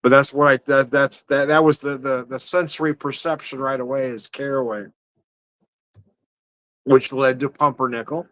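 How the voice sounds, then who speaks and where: A drinks reviewer, male, talks to the camera in a chatty, rambling tasting review, laughing often and restarting his sentences. His medium-pitched voice is steady and a bit bright, moving at normal speed.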